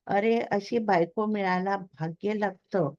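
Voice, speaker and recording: A woman reading the lines of a middle-aged dad, earnest and calm, head of the house, talking slow, a bit muffled like a home mic. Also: mid-range voice, lightly acted. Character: worried middle-aged father, steady head of family.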